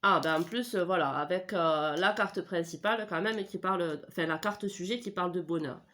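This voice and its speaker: Her voice sits lowish, moves at a normal speed and has a bit of brightness. She's a middle-aged woman nursing a stuffy head cold while giving a relaxed tarot reading from home into a desk microphone, rambling through hesitations and self-corrections.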